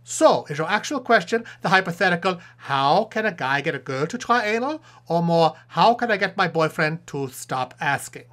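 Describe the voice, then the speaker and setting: A performer voicing a cheeky male puppet professor who hosts a comedic sex-advice show, playful and jokey, with quick muttered asides. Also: medium pitch, animated, a bit bright, lightly acted.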